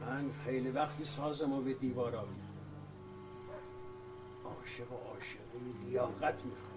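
An actor playing a weary, secretive older village father who talks gravely in proverbs, in a radio drama. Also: medium pitch, level tone, loud music behind the voice, natural voice. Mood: brooding. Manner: solemn, speaks in proverbs. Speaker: village elder and retired folk singer.

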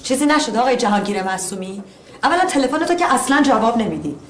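A woman's voice: on the high side, very animated. An actress playing a hurt young woman who confronts her partner in a film drama. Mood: reproachful. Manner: reproachful, confronting. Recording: roomy film sound with faint noise.

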